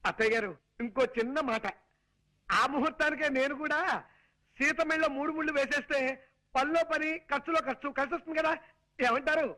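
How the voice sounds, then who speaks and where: An actor playing a flustered, put-upon young suitor in a film comedy scene, exasperated and wordy. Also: male voice, extremely high pitch, fairly quick, long pauses, rough recording. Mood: wheedling. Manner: exasperated, shouting to be heard, wordplay.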